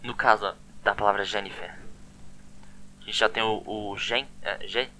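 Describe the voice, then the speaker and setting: A man's voice: fairly low pitch, fairly even intonation, measured pace, pushed and bright, slight background noise. A man giving a casual online language lesson, chatty and often repeating words with a questioning "né?". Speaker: language teacher.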